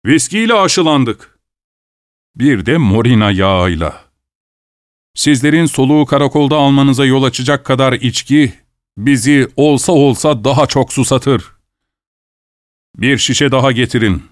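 A man's voice: mid-range voice, normal speed, long pauses, no echo, studio quality, natural voice. A man reading aloud and voicing a sick, hard-drinking young man who talks in a boastful drawl. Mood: defiant.

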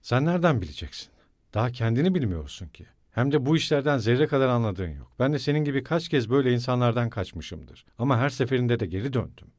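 Loud scolding young guy, hot-headed but loyal, a man reading it out in a dry close audiobook voice, middle pitch. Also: animated, fast talker, dry recording, natural voice. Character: hot-tempered loyal young male friend, blustering.

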